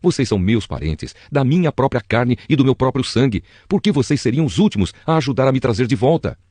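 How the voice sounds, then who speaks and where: A man's voice: mid-range voice, sing-song, a little fast, a little mellow, no echo, voice pushed up. A man voicing an old king, moving from stately command to anguished cries over a lost son. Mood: persuasive. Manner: declaiming, anguished cries in lament. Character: grieving old King David, commanding then broken.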